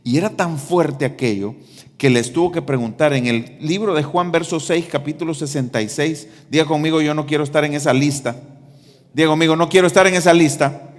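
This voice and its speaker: A man preaching in a large church, his fairly high voice ringing out with a long reverb tail. He calls for the congregation to respond and builds to loud, emphatic passages. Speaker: pastor. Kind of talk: sermon.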